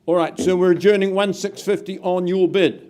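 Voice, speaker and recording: High-pitched male auctioneer calling bids. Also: fairly even intonation, normal speed, darkish tone. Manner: projected, emphatic count-down calls to the room. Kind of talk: live property auction calling. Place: live auction room with bidders.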